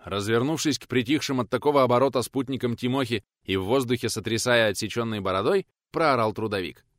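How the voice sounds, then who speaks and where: A man narrating an audiobook in an expressive storytelling manner. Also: medium pitch, quick pace, dry recording, studio quality.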